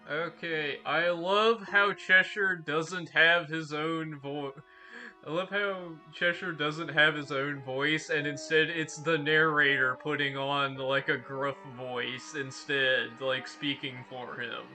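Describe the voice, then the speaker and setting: Bright-voiced man giving casual game commentary. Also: fairly high pitch, slow pace, faint music behind. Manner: relaxed and chatty, with restarts. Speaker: gameplay streamer.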